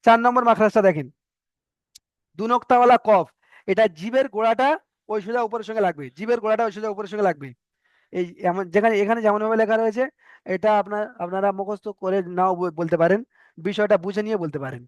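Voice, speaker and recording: Man, Bengali accent, high voice, patient pronunciation drills, dry close sound. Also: no echo, highs cut off. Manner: slow, repeating drills of Arabic sounds. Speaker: Quran recitation teacher. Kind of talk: online tajweed lesson.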